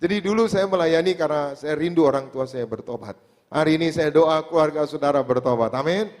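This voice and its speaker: A man preaching as a pastor, telling a personal story to his congregation and addressing them often, dropping into quiet asides. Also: on the high side, brisk. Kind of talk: sermon storytelling. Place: church hall. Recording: long hall reverb.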